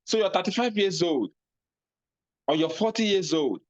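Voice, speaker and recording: Animated Nigerian man giving a motivational talk. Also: sits high, normal speed, no echo, poor audio. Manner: animated, acts out scenes in a raised voice. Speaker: speaker on personal finance.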